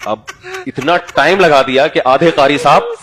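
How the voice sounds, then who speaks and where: A man's voice: fairly high pitch, unhurried, a little hiss or hum. A man giving a humorous religious talk, telling anecdotes and acting out the voices of the people in them. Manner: animated storytelling, acts out voices. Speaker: religious speaker. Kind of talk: humorous sermon.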